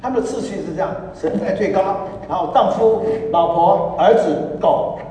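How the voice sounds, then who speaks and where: A man's voice: high-pitched, normal speed, slight background noise. A middle-aged man preaching a sermon as pastor, joking and laughing as he goes. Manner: animated, joking, laughs often. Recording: echoey hall from far off.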